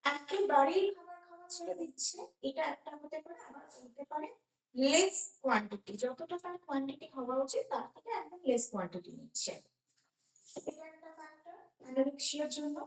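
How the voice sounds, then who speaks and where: A woman's voice: sits high, animated, fairly quick, recorded from a distance. Woman teacher with a heavy echo. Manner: explains step by step, poses questions to the class. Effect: heavy echo on her voice. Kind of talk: online class lecture. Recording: echoey online class audio.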